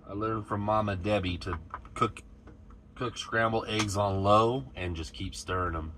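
An American truck driver cooks in his cab at a truck stop, chatting casually to the camera in a relaxed, rambling vlog style. His voice sits lowish and measured, and the background is noisy.

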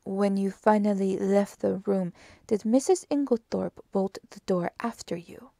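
Woman reading as a fussy older Belgian detective, slow and emphatic, gravelly, dark tone, dry close sound. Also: medium pitch, no echo. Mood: probing. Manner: slow, emphatic, louder questioning. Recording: dry close audiobook recording.

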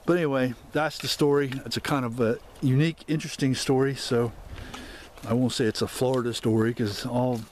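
An explorer vlogger narrates while making his way through thick woods, recording on a handheld camera mic with faint outdoor hiss. His mid-pitched voice is steady, brisk and darkish, rambling along with frequent fillers and restarts.

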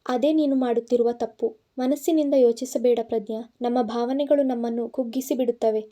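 In audiobook narration, a woman reads the part of an angry, protective young man, scolding and insistent. Her natural voice sits a little high, with fairly even intonation, a fairly quick pace and a warm tone.

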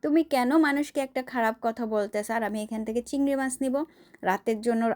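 A middle-aged woman talks her viewers through a home cooking vlog in a chatty, rambling way. Her voice sits a little high, and she speaks straight to the audience as she works in her kitchen. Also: a little fast, a little mellow. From Bangladesh. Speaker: cooking vlogger. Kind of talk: casual cooking vlog narration.

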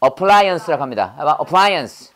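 A man's voice: a little high, big pitch swings, slow, a bit bright. Man drilling English words in class. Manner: drills words, asks quiz questions, corrects pronunciation. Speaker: pastor teaching English vocabulary. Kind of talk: classroom lesson with call-and-response drills.

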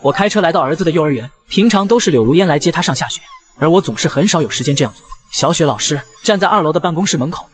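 Man narrating a novel, first person, fast pace, slightly high voice. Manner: steady, brisk reading.

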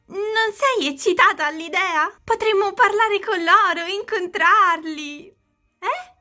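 A woman voicing an excitable, vain young female doll who bubbles over with breathless excitement. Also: very high-pitched, takes it slowly, exaggerated voice. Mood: excited. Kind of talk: doll play-acting.

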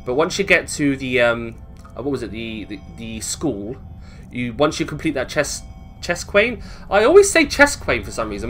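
Narrating a let's play, a man offers casual, chatty commentary, thinking aloud and second-guessing himself as he goes. His voice is mid-range and a bit bright.

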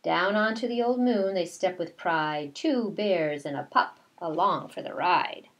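With a fairly low voice, a middle-aged kindergarten teacher reads a picture book aloud slowly and expressively, turning aside at times to address young children. The setting is a small bedroom at home.

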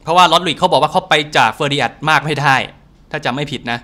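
Energetic, fast-talking male game commentator. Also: on the high side. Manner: chatty, energetic, swears casually. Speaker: let's-play host. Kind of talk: casual game commentary translating dialogue.

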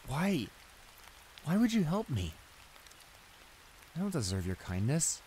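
Against a steady backdrop of rain, a man in an improvised roleplay audio drama voices a young bully who is flustered and apologetic, stammering hesitantly. His voice is a little high and exaggerated, and he takes it slowly.

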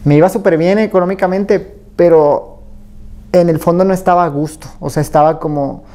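A man with a Mexican Spanish accent, a tattoo artist being interviewed. He tells his story in a relaxed, rambling way, full of fillers and acted-out quotes. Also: sits high, moderate pace.

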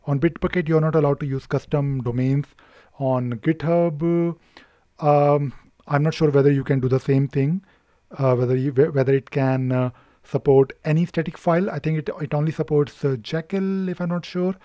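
A man explains a computer task over a screen recording, thinking aloud and stumbling through frequent pauses and restarts. His voice is mellow and dark, recorded dry and close on a slightly dull, lo-fi microphone. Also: fairly high pitch, steady tone, no echo. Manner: hesitant, many filler sounds and restarts while working on screen. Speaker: tutorial presenter. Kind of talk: unscripted screen-recording tutorial.

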